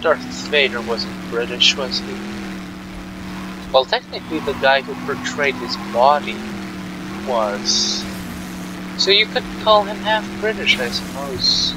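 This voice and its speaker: A man's voice: medium pitch, lively intonation, a little slow, pauses often, background noise. A man giving joking, sarcastic commentary while he plays a video game. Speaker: gameplay commentator. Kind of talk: let's play commentary. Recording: game sounds loud behind voice.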